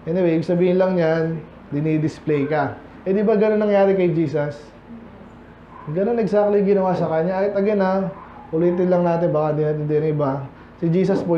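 A man's voice: on the high side, a little hiss or hum. A man from the Philippines preaching a Sunday afternoon sermon in a conversational way, quizzing his congregation as he goes. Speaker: pastor. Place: church hall. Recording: echoey, slightly dull church audio.

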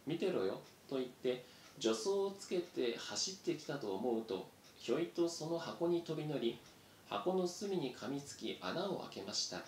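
A man narrating a storybook aloud in a steady, measured voice. The sound is roomy, with a faint low rumble in the background. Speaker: reader. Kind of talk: storybook reading.

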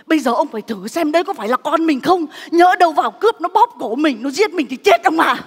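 Shrill old mom yelling, super high voice, big stage echo. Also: female voice, animated, fast talker. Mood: anxious. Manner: shrill and shouting. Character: shrill greedy old wife and mother. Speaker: comedy sketch actress. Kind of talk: stage comedy sketch.

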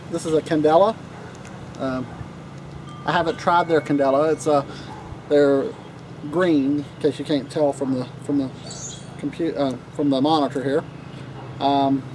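A man with a Southern accent chatting casually to camera about cigars, relaxed and rambling with lots of fillers, recorded outdoors on a deck. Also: fairly high pitch, background noise. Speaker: cigar vlogger.

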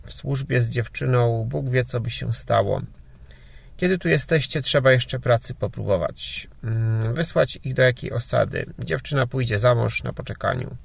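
A man voicing a gruff but kind older emigrant gentleman in a storybook, talking brusquely and grumbling. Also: mid-range voice, moderate pace, no room sound. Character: gruff, kindly old Polish emigrant gentleman.

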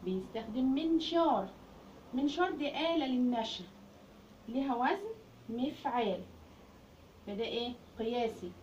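Her voice is on the high side with a darkish tone, animated and at normal speed, with frequent pauses, as this Egyptian Arabic-accented woman teaches a grammar lesson. She asks questions and answers them herself, captured in a roomy, distant, muffled recording with faint hiss.

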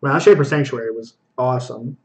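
A man's voice: mid-range voice, slight background noise. A young man streaming a card game, thinking aloud and scolding himself for his own plays in casual commentary. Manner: self-critical, thinking aloud, quick asides. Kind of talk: live gameplay commentary.

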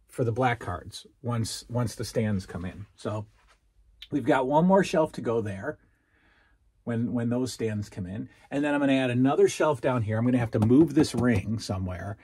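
Male, thirties, husky voice, casual wandering room-tour vlogger filming on a handheld phone, dry sound. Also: mid-range voice, lively intonation, unhurried, darkish tone, no room sound. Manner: rambling, self-questioning; walking around while filming. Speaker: collector vlogger. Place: small basement collection room, indoors. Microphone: phone held at arm's length.

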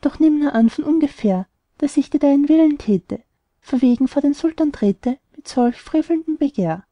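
A woman's voice: sits high, animated, normal speed, no room sound, dull audio. A woman voicing a worried, skeptical mother in an audiobook, reading rhymed verse earnestly.

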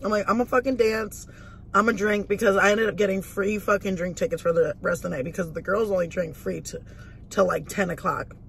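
A woman's voice: lowish voice, fairly even intonation, quick pace, vocal fry, a little hiss or hum. A woman vlogger telling a casual story while eating in a car, chatty and full of swearing and "like". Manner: chatty, profane, lots of "like". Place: inside a parked car.

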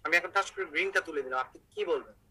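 A man's voice: on the high side, rapid-fire, pushed and bright, breathy edge, poor audio. A man teaching an online English grammar class, explaining step by step and asking his students questions.

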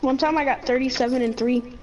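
High-voiced woman cheering her game kills. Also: steady tone, muffled recording. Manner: eager, quick to cheer her own kills. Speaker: co-player. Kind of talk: casual gaming chat.

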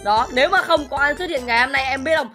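Woman voicing a boastful greedy male duck superhero, high voice, game role-play. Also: fast, over music, natural voice. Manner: brash, bragging, bargaining.

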